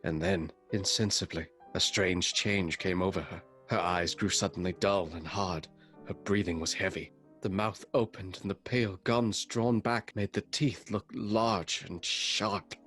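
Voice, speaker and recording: An actor playing an earnest, solemn doctor who narrates his journal in a measured, dramatic way. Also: low voice, fairly even intonation, fairly bright tone, faint music behind. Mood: weary, horrified. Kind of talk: radio play narration and acting.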